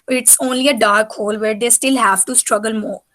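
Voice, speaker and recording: A woman's voice: on the high side, fairly even intonation, fairly quick, fairly bright tone. A woman tutoring in an informal reading lesson, explaining a story hesitantly and repetitively in simple words. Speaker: mother tutoring her child in English reading.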